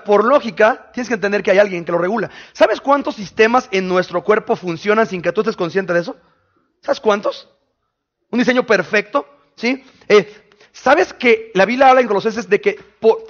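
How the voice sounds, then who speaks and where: A man preaching a sermon in a conversational way, firing quick questions at his listeners. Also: sits high, a bit bright, muffled recording. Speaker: pastor. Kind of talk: sermon teaching.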